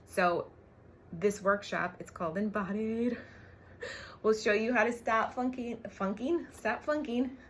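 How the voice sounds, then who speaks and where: On a motivational livestream, a woman who works as a brand coach and co-owns a business speaks emphatically, cursing casually and often tossing in short tag questions. Her pitch is high-ish, her tone a bit bright, and she keeps a measured pace over slight background noise.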